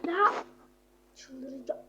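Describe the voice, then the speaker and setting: A young girl with a high voice narrates her gameplay to viewers in a loose, chatty way. She grumbles when things go wrong and drops into whispered asides. Loud background noise and mouse clicks sit under her voice. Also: lively intonation, drawn-out words, muffled recording. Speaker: gaming YouTuber. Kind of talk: casual gameplay commentary.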